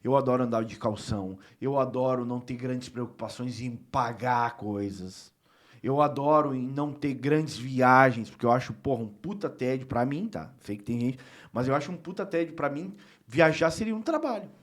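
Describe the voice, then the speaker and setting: A man's voice: mid-range voice, moderate pace. A man talking as a guest on a talk show, emphatic and heartfelt, loose and informal with the odd swear word. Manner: emphatic and heartfelt, with frequent filler tags. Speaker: guest politician. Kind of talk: casual talk-show conversation.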